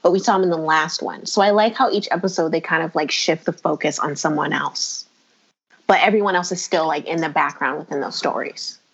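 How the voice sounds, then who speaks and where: Woman co-host, husky voice, lively pitch, muffled sound. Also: a little fast. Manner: animated storyteller, retells scenes in voices. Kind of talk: casual chat reviewing a TV show.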